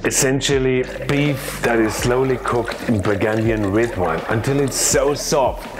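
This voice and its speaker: A man's voice: medium pitch, a little slow, background noise. A man, explaining a cooking lesson to camera in a home kitchen, chatty and emphatic. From Austria. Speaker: chef and cooking teacher.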